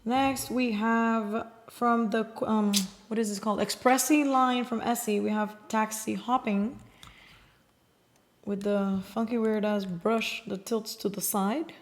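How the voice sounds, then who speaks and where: A woman's voice: on the high side, steady tone, slow. Chatty woman swatching nail polish. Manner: chatty, swears casually, sometimes drops to a whisper. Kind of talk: casual swatching chat. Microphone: close mic.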